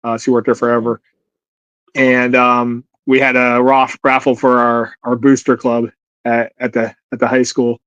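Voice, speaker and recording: Brief: a male sports podcast co-host, mid pitch, halting and opinionated, on dry close audio. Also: little pitch movement, fairly bright tone, clean tone, no echo, highs cut off. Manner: halting opinionated commentary with restarts and "you know". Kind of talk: casual sports podcast chat.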